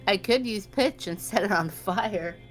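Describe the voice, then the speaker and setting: A woman's voice: mid-range voice, a little slow, soft background music. A woman playing a tabletop game in casual role-play, speaking tentatively.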